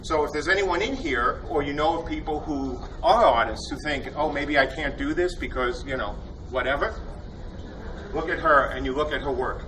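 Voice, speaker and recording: Introducing the team at a convention panel, the host jokes and rambles with enthusiasm, filling gaps with fillers. He talks at normal speed in a somewhat high voice picked up from a distance off mic, over constant noise from the hall.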